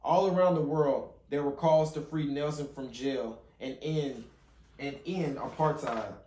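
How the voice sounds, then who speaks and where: A father hosting a children's read-along channel reads a picture book in a warm, fairly high voice, keeping a steady tone and a slightly slow pace. Occasionally he stumbles and rereads a phrase, recorded at home in a roomy, echoey space.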